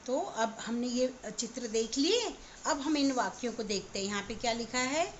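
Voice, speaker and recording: Woman teacher, slow sound-by-sound spelling for little kids, dull lo-fi audio, faint hiss. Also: fairly high pitch, expressive. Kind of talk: online class for young children. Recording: slightly dull, lo-fi recording.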